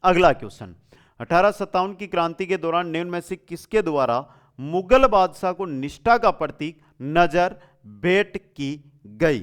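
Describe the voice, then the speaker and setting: At normal speed, a man with a smooth, high-pitched voice and lively intonation teaches an online exam coaching session. It's quiz-style: he puts questions to the students, repeats the answers and talks to them familiarly.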